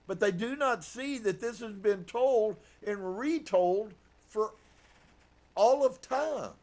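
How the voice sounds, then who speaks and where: A man preaching earnestly as a pastor, reading from a book and reflecting on it with soft laughs. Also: sits high, expressive, slow. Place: live stream.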